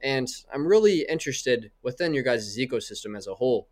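A man's voice: medium pitch, lively intonation, fairly quick. A man hosting a podcast, greeting his guest and asking friendly, enthusiastic questions. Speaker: podcast host. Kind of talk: casual interview.

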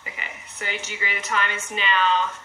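A woman's voice: mid-range voice, completely flat delivery, moderate pace, pushed and bright. A woman police constable reading set questions in a formal recorded interview, heard as a played-back police interview recording. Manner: procedural, reads set questions with fillers. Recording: echoey room with faint background noise.

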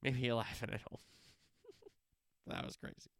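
A man's voice: medium pitch, huge pitch swings, unhurried, gravelly, a bit bright, no room sound, clean studio sound. A man hosting a solo sports podcast, previewing games in a rambling way, wandering off on tangents and correcting himself as he talks.

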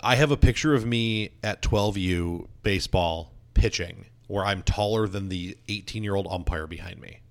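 Young male co-host with a lower voice, rambling and self-mocking in relaxed conversation. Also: moderate pace, few pauses. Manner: self-deprecating, laughing, many restarts. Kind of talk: casual storytelling chat.

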